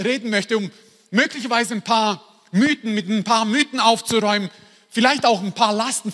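A man preaching a sermon in a lively, emphatic way, turning to the congregation with asides. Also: sits high, big-room sound. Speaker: pastor.

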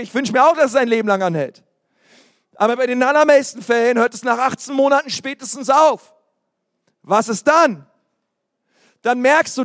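High-voiced emphatic male preacher. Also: dry recording, studio quality. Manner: emphatic and animated, bursts into loud exclamations. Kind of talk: sermon.

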